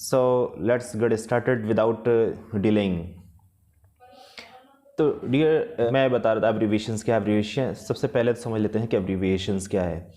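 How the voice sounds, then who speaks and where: A man teaching an English lesson with patience, repeating and rephrasing each point, slow and careful in English and quicker in the rest. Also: on the low side, fairly even intonation, warm tone. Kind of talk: explanatory lesson mixing Hindi and English.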